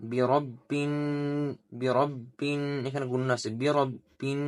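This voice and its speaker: A man teaching Quran recitation, spelling out letters and vowel marks and repeating each syllable slowly, with drawn-out melodic chanting of the verses. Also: mid-range voice. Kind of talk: slow letter-by-letter recitation lesson.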